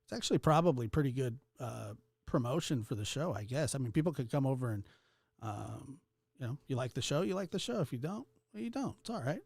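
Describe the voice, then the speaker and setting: A man hosting a live call-in show in an easygoing, halting way, often repeating his phrases as he chats. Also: mid-range voice, big pitch swings, creaky, darkish tone, no echo. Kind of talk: casual live call-in chat.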